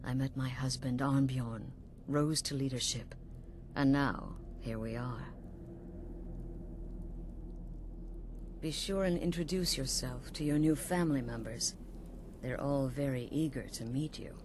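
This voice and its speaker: Pitched extremely low, a woman's voice brings a middle-aged video game assassin leader to life, cool, sinister, and sly. Her measured, knowing lines come with dramatic pauses over a noisy background.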